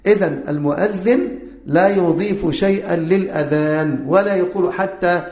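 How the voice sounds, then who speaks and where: A man leads a religious lesson, pressing his listeners with repeated questions and chanting examples aloud. His voice sits a little high. The sound is roomy and echoey. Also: normal speed, darkish tone. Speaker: religious teacher. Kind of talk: religious lesson on the call to prayer.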